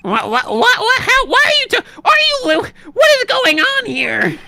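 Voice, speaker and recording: A woman's voice: very high voice, wildly swooping pitch, normal speed, gravelly, background noise, full character voice. A woman voicing a whiny, boastful, dim young male prosecutor in an improvised comic game dub, blustering and easily flustered. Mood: flustered whining. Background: game music.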